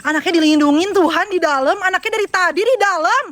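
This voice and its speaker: A woman's voice: very high-pitched, quick pace, fairly bright tone. A woman vlogger outdoors in front of a house, filming herself on a phone as she angrily confronts a man and talks to her viewers. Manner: agitated, accusing, addressing viewers. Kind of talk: heated live confrontation.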